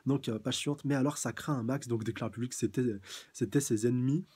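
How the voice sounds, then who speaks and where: A man doing a live manga chapter review, rambling and excitable, stumbling through many restarts. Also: medium pitch, brisk, slightly rough.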